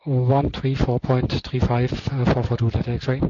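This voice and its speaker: A male private pilot speaks over his headset radio with clipped, routine readbacks to air traffic control. His voice sits at a middle pitch and sounds muffled and narrow, like an aircraft radio. Loud static hisses under every word. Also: level tone, normal speed. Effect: pilot's headset radio transmission.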